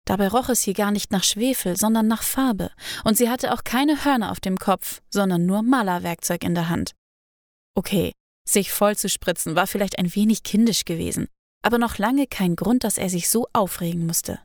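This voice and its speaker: A woman reads a novel aloud at middle pitch, steady and measured. The close mic gives a dry sound with no room. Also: dry recording. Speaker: audiobook narrator. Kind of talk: scripted narration.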